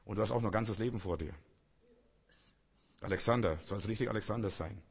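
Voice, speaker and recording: A man's voice: fairly low pitch, fast, creaky, slightly rough. A man preaching a sermon, speaking emphatically with repeated phrases and rhetorical questions addressed straight to his listeners.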